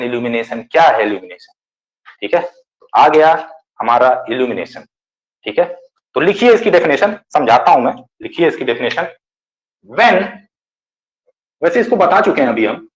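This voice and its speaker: Male teacher in an echoey classroom. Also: on the high side. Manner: dictates slowly, asks and answers his own questions. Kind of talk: classroom lecture, dictating notes. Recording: echoey room, dull lo-fi sound.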